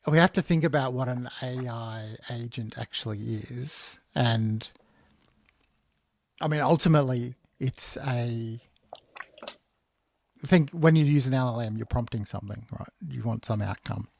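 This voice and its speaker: A man with a middle-pitched voice explains technical ideas on a casual podcast, working through them step by step. His voice is close and dry, with no room sound. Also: a little slow, gravelly, darkish tone, dry recording. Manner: explains step by step, thinking aloud with many restarts. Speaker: podcast co-host.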